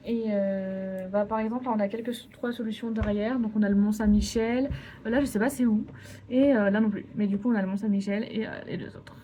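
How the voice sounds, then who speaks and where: A woman's voice: mid-range voice, narrow, tinny audio, a little hiss or hum. A young woman from France chatting casually about her shopping in a vlog from her bedroom, with lots of fillers and restarts. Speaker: vlogger. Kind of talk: casual haul video.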